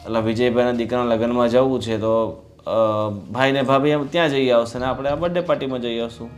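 A man playing a mild young husband who tries to calm his wife, speaking hesitantly. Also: mid-range voice, quick pace, lightly acted. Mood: placating. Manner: placating, hesitant. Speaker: husband in family drama. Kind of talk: Gujarati family drama acting.

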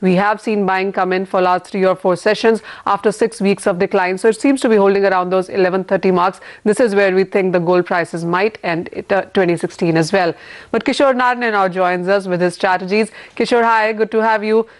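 A woman's voice: medium pitch, fairly even intonation, a little fast. Woman business anchor pressing questions. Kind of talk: live news interviewing. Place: TV news studio.

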